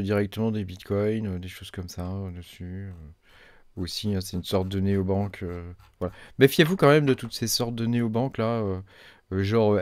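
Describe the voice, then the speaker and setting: Hesitant man, smooth low voice. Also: darkish tone, dry recording. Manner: hesitant, many fillers and restarts. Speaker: crypto video host. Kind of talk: casual screen-share review.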